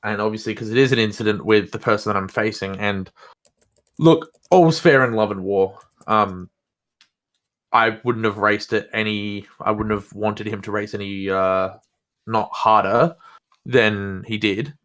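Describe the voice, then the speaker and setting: Male interview guest, fairly low pitch, informal and talkative. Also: a little slow, fairly bright tone. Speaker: championship-winning sim racer, interview guest. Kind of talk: casual interview recap.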